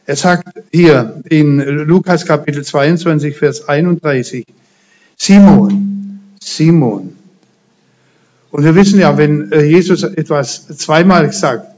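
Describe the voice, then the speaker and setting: Guy preaching a sermon, slightly high voice, lots of ums and restarts, muffled lo-fi sound. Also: a little mellow. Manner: halting, many fillers and restarts, rising to fervent emphasis. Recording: dull lo-fi recording.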